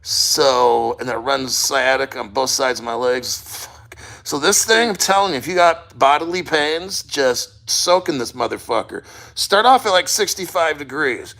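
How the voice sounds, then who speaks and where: A man's voice: medium pitch, normal speed, vocal fry, pushed and bright. A man talking casually and bluntly to the camera while sitting in ice cold water, rambling and swearing as he goes. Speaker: crypto podcast host.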